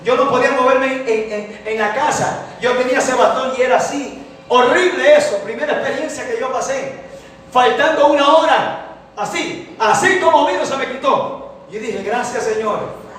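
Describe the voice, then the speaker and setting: A man's voice: very high voice, moderate pace, fairly bright tone, far from the mic. A man preaching a sermon, emphatic and telling a personal testimony. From Ecuador. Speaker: evangelist preacher. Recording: very echoey hall, voice from afar, faint noise.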